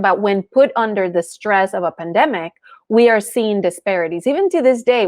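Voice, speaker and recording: A woman's voice: mid-range voice, no room sound. Articulate businesswoman guest from Colombia, dry sound. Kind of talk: interview conversation.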